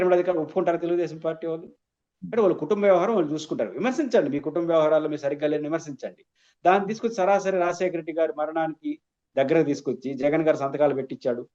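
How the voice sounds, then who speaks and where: A man's voice: fairly high pitch, a little mellow, dull audio. A man, a political analyst, giving emphatic and argumentative commentary as a guest in an interview.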